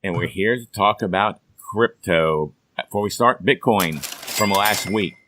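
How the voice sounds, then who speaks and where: A hoarse man hosts a folksy, upbeat casual podcast chat, speaking a little slowly. His voice is on the low side but comes across bright and forceful. The sound is dry and close, with no room sound at all.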